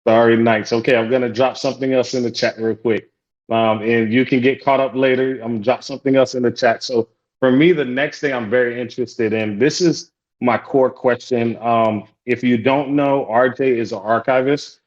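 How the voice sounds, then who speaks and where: A man whose first language is Haitian Creole hosts an online support group call, chatting casually and upbeat while repeating his welcomes. His voice is mid-range and steady at a moderate pace, and the audio sounds lo-fi.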